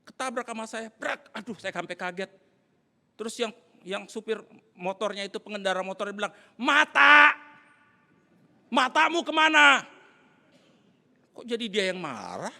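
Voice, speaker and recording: A middle-aged man preaching a sermon as pastor, telling stories with lively, animated delivery. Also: high voice, fairly quick. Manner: animated storytelling, acting out angry shouts. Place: church hall. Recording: echoey church hall.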